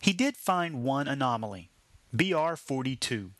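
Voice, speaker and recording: A man narrating his own short story in a wry, deadpan storytelling manner. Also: mid-range voice, moderate pace, no echo.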